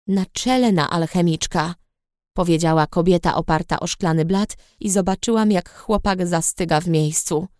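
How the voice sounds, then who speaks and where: A woman reading a novel aloud in the first person with steady storytelling. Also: on the low side, normal speed, hardly any pauses, dry recording, clean studio sound. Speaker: audiobook narrator. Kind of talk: first-person audiobook narration.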